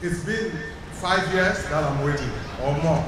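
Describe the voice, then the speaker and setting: A high-voiced man speaks slowly and deliberately, like someone reading a prepared testimony. His voice reaches the mic from across a large, very echoey church. Steady background noise sits under his words. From Cameroon. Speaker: congregant sharing a testimony. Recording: echoey hall from far off, noisy.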